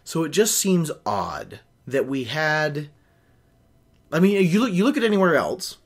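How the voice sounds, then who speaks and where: A young man hosts a book-reading show from a small home office, reading a novel aloud and breaking off for opinionated, nitpicking commentary. His voice is a little high and sing-song, and he keeps a measured pace.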